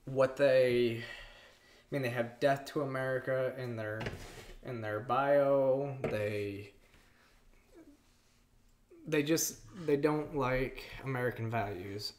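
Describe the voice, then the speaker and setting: In her home kitchen, a cooking show host in her thirties rambles earnestly and casually to a camera set on the counter at mid distance. She speaks in a rumbling low, darkish voice with a steady tone, slowly and with frequent pauses, over slight background noise.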